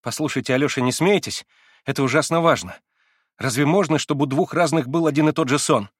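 A man voicing an excitable, morbid young girl in an audiobook reading, breathless and rapturous. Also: on the high side, a little fast, slightly rough, no echo, studio quality, pitched above the performer's own voice. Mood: urgent.

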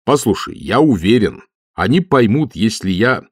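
A man's voice: on the low side, sing-song, moderate pace, breathy edge, dry recording, studio quality, voice pushed up. A man reading an audiobook, voicing an earnest, naive young male watchman who insists on doing right.

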